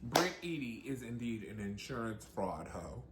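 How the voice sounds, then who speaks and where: A man co-hosting a reality TV recap podcast, chatting in a sassy, animated, shady way. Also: mid-range voice, normal speed, roomy sound, background noise. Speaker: podcast co-host. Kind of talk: casual gossip chat.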